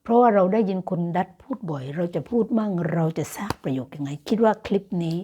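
A woman's voice: mid-range voice, expressive, fast, warm tone, slight background noise. A Thai woman teaching Dutch grammar in a casual online lesson, explaining patiently and encouraging her students. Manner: encouraging and motivational.

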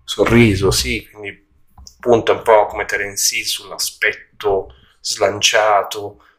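A man with a fairly low voice reviews a film in an informal way. He talks haltingly, pausing to hunt for the right word. The room around him has a slight echo. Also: little pitch movement, a crowd in the background. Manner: halting, searching for words. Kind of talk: casual spoken film review. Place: indoor room at home during a move.

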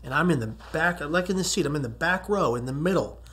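Husky man telling his story earnestly. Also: fairly high pitch, animated, fast. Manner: earnest storytelling, swings from quiet whispers to emphatic rises. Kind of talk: personal testimony talk.

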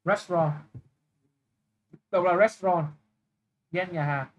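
A young man tutoring English, briskly quizzing a student with quick questions and blunt, teasing remarks. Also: high voice, bright, forceful tone. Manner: brisk, keeps checking understanding with quick questions. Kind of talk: live tutoring lesson.

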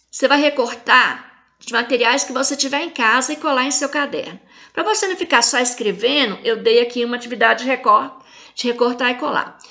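A woman teacher with a Brazilian Portuguese accent records a video lesson for young children, explaining the homework one numbered step at a time. Her voice is bright and a little high. She speaks to the pupils affectionately. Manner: clear step-by-step instructions. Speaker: primary school teacher.

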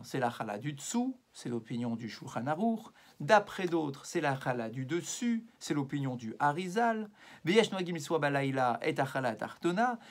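A man giving an evening religious lesson as a rabbi, explaining patiently and mixing Hebrew passages into his talk with frequent hesitations. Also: fairly high pitch. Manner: explanatory, weaves Hebrew passages into French, frequent "euh" and "d'accord".

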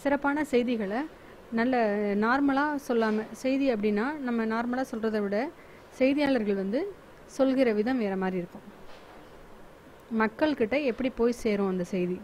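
Woman going over a school lesson, kinda high voice, chatty, repeats herself a lot. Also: moderate pace, pauses often, darkish tone, a little hiss or hum, rough recording. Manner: chatty and repetitive, restarts words often. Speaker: teacher.

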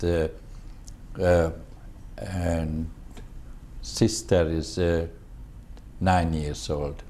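A Hungarian-accented man in his seventies speaks English slowly in a very low, dark, mellow voice. He halts often and searches for words, and he stays polite throughout. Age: 70s. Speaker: veteran interviewee. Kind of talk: oral history interview.

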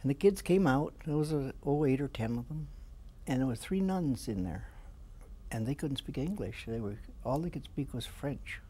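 An elderly Canadian man in his seventies, a veteran remembering his service in an interview in a halting, plain-spoken way. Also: medium pitch, expressive, mellow, husky. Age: 70s. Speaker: war veteran being interviewed. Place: small indoor room with flags. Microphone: lapel mic.

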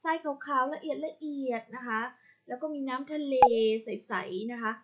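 A woman with a Thai accent teaching English to young children in a slow, patient online lesson, repeating each word for them to copy and praising them. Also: sits high, animated, noisy background. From Thailand. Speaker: primary school English teacher.

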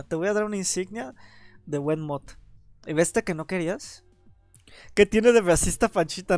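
Man, Mexican accent, has a cold, excitable livestream chat, stammering repeats, dry close sound, faint music behind. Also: fairly high pitch, no echo. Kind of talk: casual gaming livestream chat.

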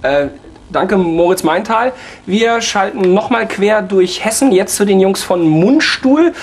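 A man's voice: high voice, animated, measured pace, noisy background. Man as an overexcited, swooping news anchor. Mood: excited, showy. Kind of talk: parody TV news presenting.

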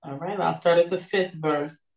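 A woman on a video call reading scripture aloud in a measured, steady way. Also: deep voice. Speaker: scripture reader. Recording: roomy, echoey video-call audio.

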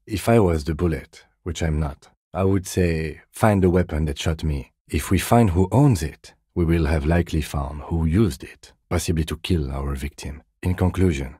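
This is video game character dialogue: a man plays a by-the-book, dry-witted detective in middle age, calm and composed, speaking with measured, deadpan precision. His rumbling low voice carries a breathy edge on a dry recording.

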